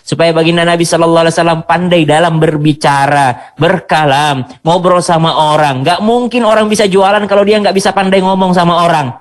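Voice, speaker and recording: Young male preacher, chatty and playful, fairly high voice. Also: fairly even intonation, brisk. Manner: playful and chatty, with chanted Quran recitation. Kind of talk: sermon to school students. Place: virtual school event.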